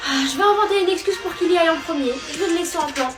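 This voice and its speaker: A woman with a high, quick voice plays a scheming character in a comedy sketch, turning to the viewer with confiding asides. She sounds a little off-mic, in a roomy space with faint music underneath. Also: distant mic.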